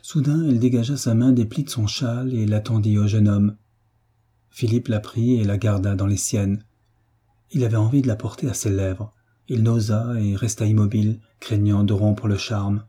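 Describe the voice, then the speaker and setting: A man reading a novel aloud as an audiobook narrator, gentle and measured, lifting his voice slightly for the characters. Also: fairly low pitch, fairly even intonation, breathy edge. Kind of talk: scripted narration.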